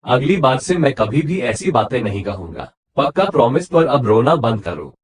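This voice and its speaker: A doting young husband, voiced by a male narrator, who teases and softly coaxes his wife in an audiobook romance. The voice is husky and breathy, with a lively lilt. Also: medium pitch, normal speed. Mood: coaxing. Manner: soft, coaxing apologies. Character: affectionate young husband, teasing and coaxing.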